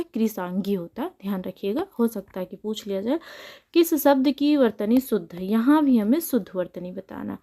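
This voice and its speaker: Young female exam tutor, mellow voice slightly high, patient explainer who quizzes the viewer. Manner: patient, repeats answers as questions to the viewer. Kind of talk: spelling lesson explained while writing.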